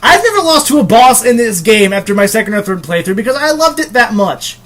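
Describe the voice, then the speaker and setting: A man's voice: high voice, big pitch swings, fairly quick, a bit bright. Rambling, hesitant male game reviewer. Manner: rambling, hesitant, swears casually. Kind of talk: casual review chat.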